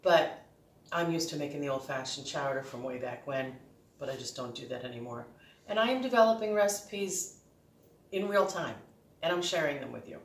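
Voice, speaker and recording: Casting: woman, Boston accent, lowish voice, chatty rambling home-cook host, recorded in an echoey room. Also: animated, moderate pace. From Boston, United States. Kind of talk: casual cooking vlog chat. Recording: echoey room, distant microphone.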